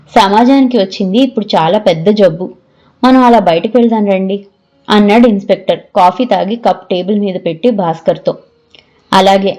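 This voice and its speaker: A woman's voice: medium pitch, mellow. A woman narrating a novel as an audiobook, reading the dialogue of each character in a lightly voiced way.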